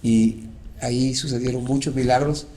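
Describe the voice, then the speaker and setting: A middle-aged man with a mellow, warm voice recounts his testimony. He tells it with animated storytelling and acts out the lines of each exchange. He speaks at an everyday pitch for a man. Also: normal speed, a little hiss or hum. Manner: animated storytelling, acting out dialogue. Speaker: pastor. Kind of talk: personal testimony in an interview.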